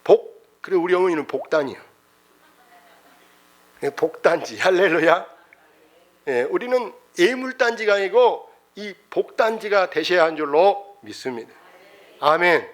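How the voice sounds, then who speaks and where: A middle-aged pastor delivers a sermon through a folksy, emotional story. He is full of exclamations and speaks in a slightly high male voice. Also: very animated, measured pace.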